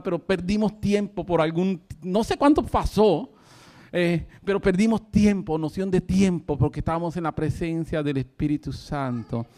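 A man's voice: sits high, darkish tone. A man preaching a sermon, telling a story with fervent energy and breaking into laughter. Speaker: pastor.

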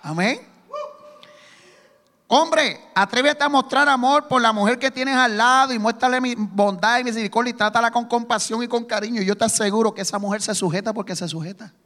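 Man preaching, very high bright voice, long reverb of a church hall. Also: fairly quick. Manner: emphatic, asks the congregation rhetorical questions. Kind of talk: sermon. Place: church sanctuary.

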